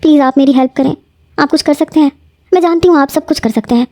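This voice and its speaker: A woman voicing a frightened young female student who pleads tearfully, her voice pushed higher. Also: mellow, no room sound, studio quality, close to an everyday voice. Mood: tearful pleading.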